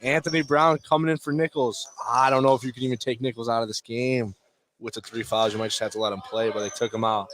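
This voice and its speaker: A man calls live basketball play-by-play on the radio from an indoor high school gym, using clipped, short phrases. His mid-range voice is fairly bright, quick and fairly even in intonation, set against noisy gym ambience, game noise and bouncing balls.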